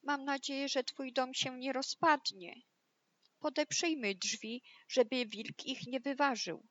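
A woman's voice: high voice, fairly even intonation, unhurried, fairly bright tone, no room sound, pitched above the performer's own voice. A timid little storybook pig, voiced by a woman, speaks in a raised, anxious voice. The recording has a dull, muffled sound. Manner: anxious and shaky. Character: frightened little male pig. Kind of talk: storybook reading.

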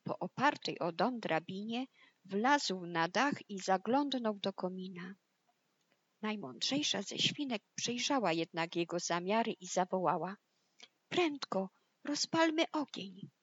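A woman reads a children's fairy tale aloud in a calm, unhurried voice. She takes her time over each phrase. The recording has a dull, muffled sound. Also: medium pitch, slightly rough, no room sound. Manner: calm, measured storytelling. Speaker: narrator. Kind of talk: storybook reading.

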